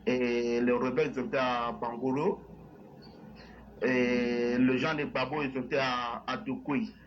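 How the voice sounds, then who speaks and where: Ivorian man, halting English-tinged French accent, lo-fi. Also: mid-range voice, level tone. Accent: Ivorian French with an English-sounding tinge. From Man, western Côte d'Ivoire. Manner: halting, repeats phrases. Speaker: caller to a live show. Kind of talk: personal testimony in halting, informal French. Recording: dull lo-fi call, faint noise.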